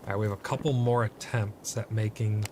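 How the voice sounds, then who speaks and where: A man's voice: fairly low pitch, fairly even intonation, fairly quick, darkish tone, slight background noise. A man giving casual gameplay commentary, often exasperated and swearing at his bad luck while crafting. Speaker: gameplay streamer.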